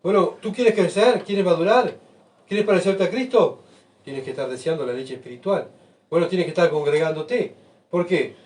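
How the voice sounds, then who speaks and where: Pastor preaching, heard from afar. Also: male voice, sits high, lively intonation, moderate pace. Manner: rhetorical questions, keeps asking the congregation "¿verdad?"; swings between soft asides and loud emphatic bursts. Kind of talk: sermon. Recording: voice picked up from far off.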